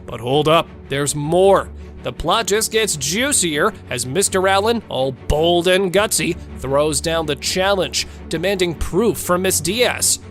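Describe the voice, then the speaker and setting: A man with a fairly high voice narrates a court show recap. He is theatrical and mocking, full of slang, over faint music. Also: expressive, slow pace, fairly bright tone.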